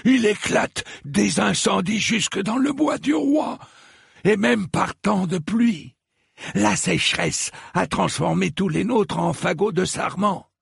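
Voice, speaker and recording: Guy doing a shouty old knight, high strained bellow, kinda husky. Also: unhurried, no room sound, studio quality, exaggerated voice. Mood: indignant. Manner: thundering, indignant.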